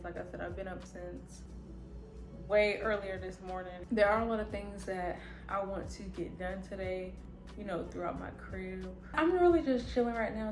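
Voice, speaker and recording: A woman chatting casually to viewers as a vlogger, recorded at home. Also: mid-range voice. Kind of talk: casual vlog chat. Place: indoors at home, echoey apartment room. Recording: roomy echo, music behind.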